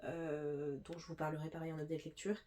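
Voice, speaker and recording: A woman's voice: sits low, little pitch movement, fairly quick, warm tone, slight background noise. A young woman with a stuffy nose chatting casually through a book haul, full of fillers and restarts. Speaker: booktuber.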